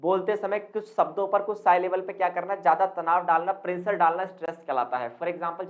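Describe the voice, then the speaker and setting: In a muffled recording, a man with a high-sitting voice gives an explanatory exam-prep lecture. Treating viewers as friends, he keeps asking them questions, answers them himself, and mixes in English terms.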